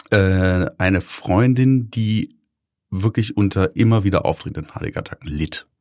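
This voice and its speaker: A man chats casually and reflects calmly. His voice sits a little low. The recording is dry and close. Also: dry recording. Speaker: podcast co-host. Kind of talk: casual chat.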